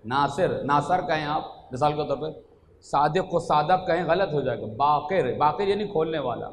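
Man preaching a fervent sermon in an echoing hall. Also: slight background noise. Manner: swings between hushed low passages and loud rising exhortations. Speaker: Shia preacher at a majlis. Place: large hall at a religious gathering. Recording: echoey hall with long reverb.

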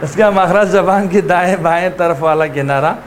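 Male recitation teacher, high-pitched, slow drilling of letter sounds, keeps checking if students follow, faint traffic behind. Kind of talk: classroom pronunciation lesson.

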